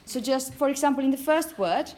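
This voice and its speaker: A woman's voice: high voice, brisk, darkish tone, a little hiss or hum. A woman teaching a classroom pronunciation lesson, patiently correcting students and often checking "okay?".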